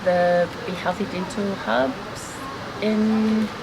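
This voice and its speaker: A woman's voice: medium pitch, fairly even intonation, slow pace, vocal fry. A woman of twenty-five with a Samoan accent, giving short, hesitant answers in a casual interview. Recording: loud room hum and background noise.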